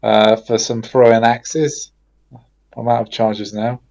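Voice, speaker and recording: Brief: mid-pitched male tabletop player, casual and a bit hesitant. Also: flat delivery, slow pace, gravelly, warm tone, dull audio. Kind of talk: casual tabletop game play.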